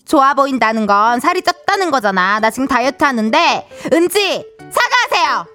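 A woman's voice: high-pitched, big pitch swings, moderate pace, pushed and bright, faint music behind, heavily acted. A woman playing a touchy young woman friend in a comedy radio skit, who keeps insistently demanding apologies. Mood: indignant. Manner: indignant, insistent, sing-song demands.

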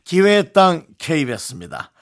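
A male radio host with a slightly high voice that swoops up and down as he talks. He chats in a studio in a playful, teasing way and breaks into laughter often. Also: sing-song, moderate pace, fairly bright tone. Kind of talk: casual radio chat.

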